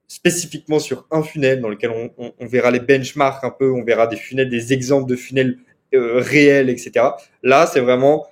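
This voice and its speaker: A man with a fairly high voice delivers an online course lecture. His explanations are casual and explanatory. He repeats key terms and keeps checking in with his viewers. Fillers and quick self-corrections run through his talk. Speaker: marketing trainer.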